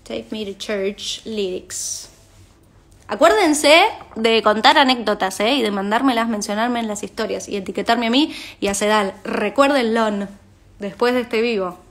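A young Argentine woman, a singer, chatting casually on a phone livestream and reading fan messages aloud with quick asides. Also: on the high side, fairly bright tone. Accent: Argentine Spanish.

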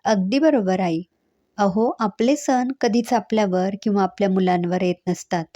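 A woman's voice: mid-range voice, normal speed, dry recording, natural voice. A woman voicing a firm, earnest young mother. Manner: firm, reasoning, gently reproachful. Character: earnest young mother lecturing her mother-in-law. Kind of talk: storybook reading.

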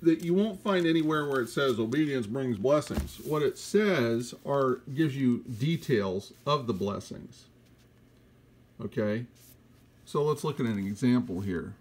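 Emphatic male preacher, husky with some fry, mid pitch. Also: measured pace, darkish tone. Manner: emphatic, rhetorical questions, reads scripture aloud. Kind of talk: Bible teaching sermon.

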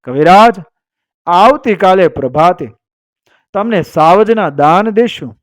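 A man voicing a proud, fearless Rajput king who speaks in a calm, commanding way in a told folk tale. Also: sits high, slow, dry recording, studio quality.

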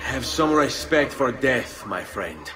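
An actor playing a cool, solemn young assassin in a video game, with an Italian accent. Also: male voice, mid-range voice, sing-song, slow pace, over music.

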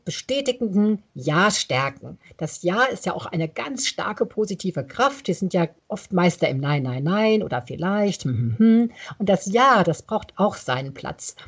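A woman leading laughter yoga, coaxing her listeners through each exercise and laughing often. Her husky voice swings widely in pitch. She sounds lively and warm-hearted as she explains. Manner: gently coaxing, laughs often while guiding.

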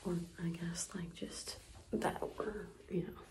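A woman's voice: on the low side, steady tone, takes it slowly, poor audio. A young woman whispering a casual vlog at home early in the morning, rambling with lots of fillers so she won't wake anyone. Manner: whispering to keep quiet, rambling with many fillers. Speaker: vlogger.

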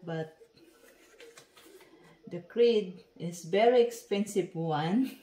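A vlogger whose first language is Tagalog unboxes perfume in her dining room at home, chatting casually in broken English. Her voice is fairly low-pitched and dark in tone, and she speaks extremely slowly in an echoey room.

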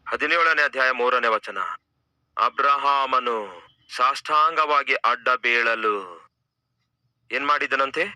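Bright-voiced dramatic male pastor. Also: medium pitch, dry recording. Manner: dramatic, rhetorical questions, acts out voices. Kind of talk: sermon.

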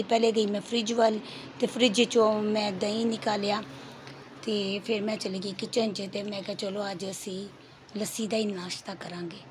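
A middle-aged woman with a Punjabi accent and a hoarse throat, chatting homely through her daily cooking vlog. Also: mid-range voice, a little hiss or hum. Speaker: cooking vlogger. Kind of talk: casual vlog voice-over.

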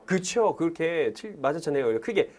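A man teaching an English lesson in Korean, animated, who keeps urging learners to repeat phrases aloud. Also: on the high side, moderate pace. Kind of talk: lively classroom lecture.

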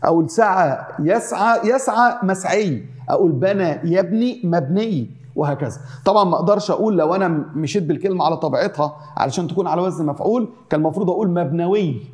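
A man with an Egyptian accent explains grammar to his students at a rapid clip. His tone is warm and mellow, and he sits a little higher than most men. He keeps circling back to the same examples, chanting them in rhythmic lists. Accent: Egyptian Arabic. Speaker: Arabic teacher. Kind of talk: classroom grammar lesson.

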